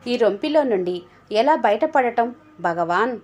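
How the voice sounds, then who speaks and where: A woman's voice: fairly high pitch, expressive, measured pace, darkish tone. A woman voicing a young married woman who scolds and pleads with a blackmailer in an agitated, indignant voice.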